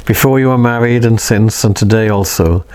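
A man's voice: lowish voice, normal speed, darkish tone, close to an everyday voice. A man reading a serene mysterious stranger. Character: calm mysterious young man, serene and solemn.

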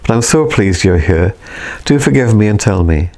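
A man reading the lines of a flustered, excitable young woman, quick and eager. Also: lowish voice.

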